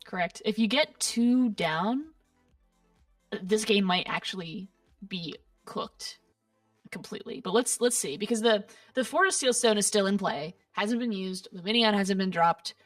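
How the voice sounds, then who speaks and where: Female caster with a Southern US lilt, quick analytical play-by-play, a bit off-mic. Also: medium pitch, dry recording, distant mic, soft background music. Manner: analytical, quick, playful asides. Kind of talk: esports game commentary.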